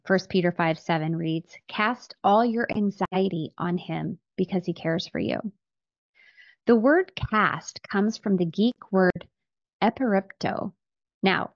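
A middle-aged woman with a mid-range voice hosts a faith podcast, earnestly teaching scripture into a close studio mic on a boom arm. She records in a small indoor home office with bookshelves, and the audio is dry and lo-fi.

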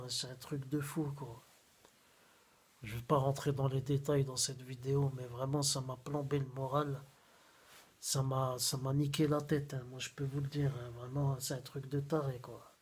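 A man in his thirties talks through a casual vlog with a husky, breathy edge to his voice. He rambles in slang and circles back to the same phrases. The sound is a phone mic held close. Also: medium pitch, level tone, normal speed. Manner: rambling, repeats himself, slangy. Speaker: vlogger. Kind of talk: casual food-review vlog. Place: small room at home, then a busy fast-food restaurant. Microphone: phone camera at arm's length, then propped on a table.

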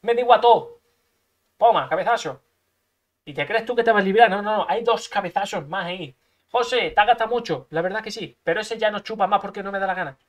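Fast-talking and high-pitched, a man gives gameplay commentary on his own card game match. He keeps up a running conversation with himself full of swearing, sound effects and frustrated outbursts.

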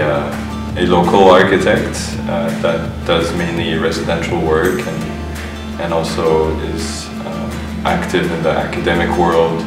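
Young man from Morocco, deep monotone voice, echoey room, music behind. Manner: relaxed, hesitant with fillers. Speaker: architecture master's student. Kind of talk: casual interview. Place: studio office indoors. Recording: echoey room from some distance, music over.

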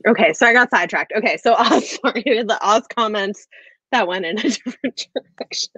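A woman in her thirties, hosting a casual book chat, speaks in a brisk, mid-range voice that's a bit bright and slightly rough. She rambles hesitantly, peppering her speech with "like." She's on a video call with earbuds in a small room at home, and the dull audio is dry.

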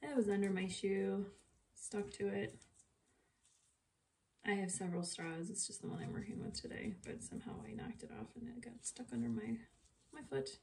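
A woman's voice: medium pitch, fairly even intonation, moderate pace, vocal fry, pauses often, darkish tone, a little hiss or hum. A woman casually talking through a painting demonstration, chatting and muttering asides to herself as she works. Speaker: art video creator.

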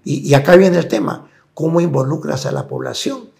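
A man's voice: a little high, moderate pace, gravelly, darkish tone. A man, a guest in a conversational interview, explaining his points at length and often tagging them with a check-in question. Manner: explanatory, tags points with "¿no es cierto?".

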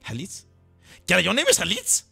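Faint music plays behind this livestream host as he greets his viewers. His voice is high, creaky, and breathy, and he speaks fairly quickly, joking around excitably and often saying the same thing twice.

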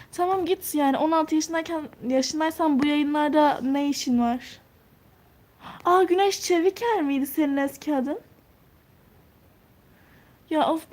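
Teen girl livestreaming, high voice, chatty, answers comments one after another. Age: teens. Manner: thinks out loud while touring a game house. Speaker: live streamer. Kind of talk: casual live-stream chat reading comments.

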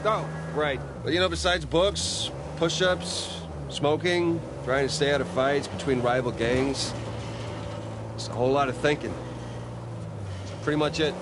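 A restless middle-aged ex-convict with a fairly high voice, tossing off jokes and cheesy puns. He sounds cocky and quick to laugh. A loud motorboat engine roars behind him. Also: fairly even intonation, noisy background. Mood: wry. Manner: joking, cocky, laughs at his own puns. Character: wisecracking ex-convict older brother, restless.

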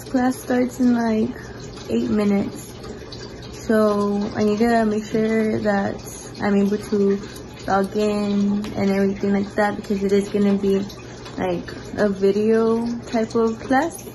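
Holding her phone at arm's length in a small bedroom, this young woman chats casually through a day-in-my-life vlog, relaxed and sprinkling in plenty of "likes" and "ums." Her voice is mid-range and a little slow, with background noise present.

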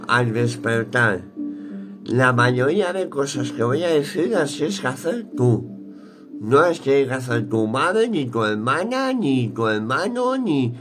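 A man in his thirties with a Peninsular Spanish accent rambles casually to camera. His pace is slow and his pitch sits in the middle range. He thinks aloud in loose, colloquial speech, with music behind him. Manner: unhurried, thinking aloud, colloquial with mild swearing. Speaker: vlogger. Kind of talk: casual rambling vlog chat. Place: small cluttered room at home, indoors.

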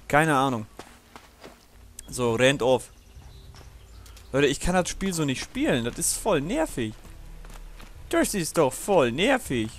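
A man's voice: on the high side, very animated, slow pace, long pauses, slight background noise. A man hosting a let's play, giving casual gaming commentary in a chatty, digressive way with frequent swearing and laughter.

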